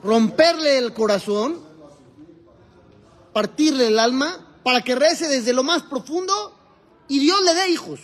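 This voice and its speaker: A man's voice: very high-pitched, expressive, measured pace, long pauses, fairly bright tone. A man, a rabbi teaching a religious class, asking his students questions and explaining the Hebrew texts he quotes. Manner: asks the class questions and answers them himself. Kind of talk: religious lesson to a live group.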